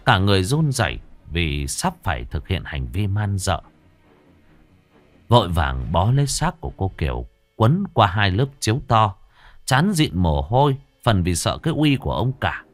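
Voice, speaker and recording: A man narrating a ghost story in a dramatic, expressive way. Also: low voice, no room sound.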